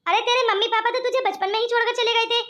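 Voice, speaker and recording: Woman doing a high, bright-voiced scheming cartoon granny, coaxing. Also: fairly even intonation, fast talker. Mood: scolding. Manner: coaxing, calls others 'beta'. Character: scheming rich old grandmother. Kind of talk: cartoon voice acting.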